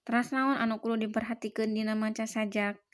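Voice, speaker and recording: A woman's voice: on the high side, fairly even intonation, brisk. A woman teacher with a Sundanese accent giving a lesson, explaining each point and then repeating it more simply. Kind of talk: classroom lesson.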